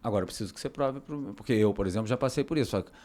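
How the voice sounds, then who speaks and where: Brazilian man, podcast host, low-ish voice, informal and slangy. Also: racing, warm tone. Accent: Brazilian Portuguese. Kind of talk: casual podcast conversation.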